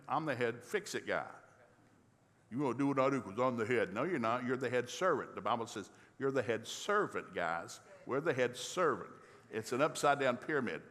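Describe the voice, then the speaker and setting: A middle-aged man preaching in a church, telling a folksy, humorous story and acting out the dialogue in lively voices. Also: medium pitch. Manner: folksy, animated, acts out dialogue. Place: church sanctuary. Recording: long reverb of a large hall.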